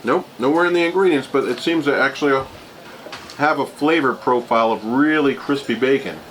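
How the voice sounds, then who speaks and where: Male food reviewer, mid pitch, casual and rambling, faint background noise. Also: a little fast, a bit bright. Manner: rambling, thinking aloud. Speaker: food reviewer hosting a taste test. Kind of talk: casual chat, taste-test review. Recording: clearly noisy room ambience.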